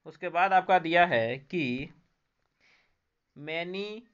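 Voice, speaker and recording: A man with an Indian accent, his voice a little high and sharp-toned, works unhurriedly through an English textbook lesson. He reads each English line, explains it in Hindi, and repeats every answer word. The audio sounds dull.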